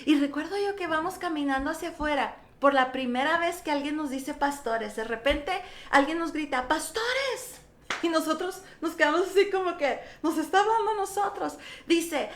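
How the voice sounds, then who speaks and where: A woman's voice: high voice, normal speed, few pauses, echoey room. A middle-aged woman pastor, giving her testimony in a radio interview and acting out the dialogue she recalls. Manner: animated storytelling, acting out quoted dialogue. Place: radio studio.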